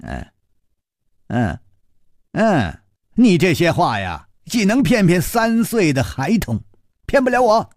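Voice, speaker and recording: A man's voice: high-pitched, big pitch swings, slow, long pauses, dry recording, studio quality, voice pushed up, exaggerated voice. A man voicing a cornered, scornful young male suspect who stammers and sneers, in a spoken storytelling recording. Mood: sneering.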